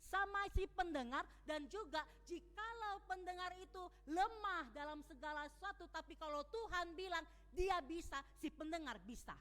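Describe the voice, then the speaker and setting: A woman pastor preaching a sermon in a church, talking in a lively way and asking the congregation questions. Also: very high voice, moderate pace, few pauses, soft background music. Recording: long church hall reverb.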